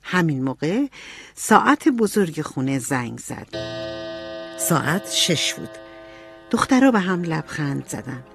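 A narrator reading a children's storybook aloud, with expressive delivery. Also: medium pitch, creaky, pauses often, soft background music. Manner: expressive, varied intonation.

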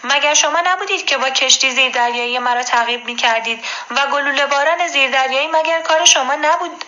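A woman voicing a proud, stern male submarine commander who speaks firmly and with measured words, in a storybook reading. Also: high-pitched, sharp tone, highs cut off.

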